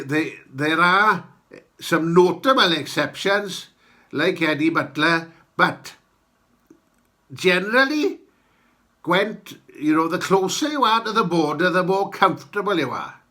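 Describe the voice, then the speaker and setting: A man with a Welsh accent delivers opinionated podcast monologue. His voice is fairly high and sharply bright, and he talks slowly, halting and then landing emphatic points. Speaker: podcast host. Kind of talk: comic political monologue.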